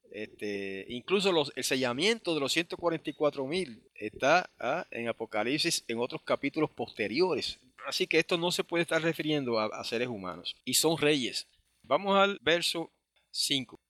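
Male Bible teacher, bright, dry close sound, chatty lecturing, reads Hebrew verses slowly. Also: a little high, expressive, dry recording. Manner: conversational, with frequent tag questions.

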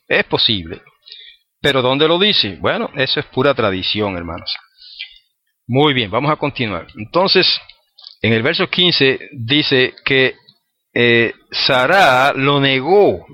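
A man teaching a Bible study, who keeps checking in with his listeners through tag questions and spells out Hebrew words slowly and with care. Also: mid-range voice, dry recording. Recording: dull, dry recording.

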